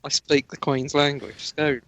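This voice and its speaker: A man's voice: fairly high pitch, lively intonation, normal speed, a bit bright. A man, co-hosting a casual podcast, rambling and searching for his words, swearing now and then. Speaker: podcast co-host. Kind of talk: casual banter.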